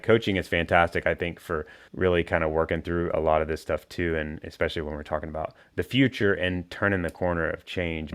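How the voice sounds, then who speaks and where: A man hosting a podcast in a relaxed, rambling way, full of fillers. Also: sits low. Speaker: podcast host. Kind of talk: casual podcast conversation.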